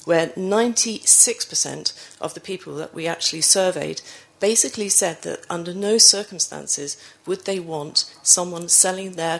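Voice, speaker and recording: Croaky from a cold, a conference speaker presents slides in a low, gravelly yet fairly bright voice. She uses frequent ums and restarts, correcting herself as she goes.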